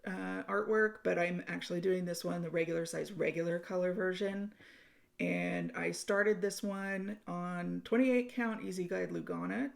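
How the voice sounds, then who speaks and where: A woman's voice: fairly low pitch, gravelly. A woman hosting her own cross-stitch channel, giving a casual, chatty progress update with frequent ums.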